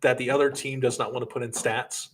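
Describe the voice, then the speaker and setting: A man co-hosting a casual high school football talk show, speaking in a conversational, teasing way. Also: flat delivery, quick pace. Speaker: podcast co-host.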